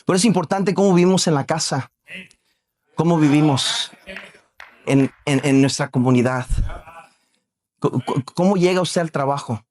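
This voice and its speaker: A man's voice: a little high, moderate pace, long pauses, a little mellow, a little hiss or hum. A man preaching a sermon as pastor, telling personal stories with light humor and asking the congregation direct questions.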